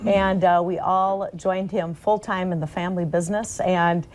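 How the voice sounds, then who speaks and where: A woman's voice: fairly low pitch, steady tone, normal speed, darkish tone. A woman auctioneer speaking earnestly and personally as an interview guest.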